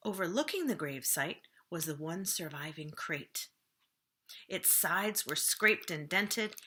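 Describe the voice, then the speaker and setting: Reading a story to children, this woman uses a medium-pitched voice. Her delivery is theatrical and expressive, and her lines frequently soften and dip as each phrase ends.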